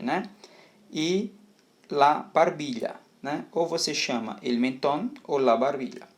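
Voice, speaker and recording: A man gives a recorded lesson, explaining slowly and patiently. He keeps checking that his students are following along. His voice sits at a middle pitch for a man. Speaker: Spanish teacher.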